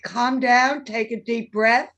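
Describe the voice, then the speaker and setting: An older woman from the congregation giving motherly advice in an unhurried way. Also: on the high side, steady tone, a bit bright, muffled recording.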